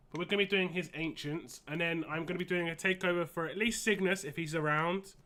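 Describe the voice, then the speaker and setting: A man live-streaming a game in casual, rambling and halting chat, wheezy and short of breath with a cold. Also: a little high, bright, forceful tone.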